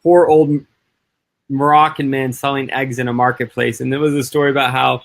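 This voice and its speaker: A man who grew up in the northeastern United States, talking as a guest in a casual conversation. He speaks quickly and chattily, with plenty of "like" and "you know.". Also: medium pitch, little pitch movement, creaky.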